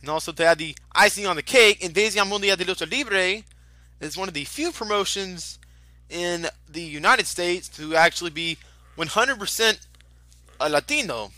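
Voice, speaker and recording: A man works as a lucha libre announcer, commentating off the cuff in an excitable manner. His voice is very bright and forceful, pitched high for a man. The sound is dry and close, with little room on it. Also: moderate pace, no room sound. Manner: excitable announcer, exclaiming at moves. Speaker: wrestling commentator.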